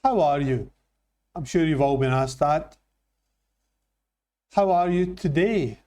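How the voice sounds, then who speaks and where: Slow, mellow Scottish male teacher. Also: a little high. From Scotland. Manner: slow, careful teaching delivery. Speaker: English teacher. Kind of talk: classroom lesson.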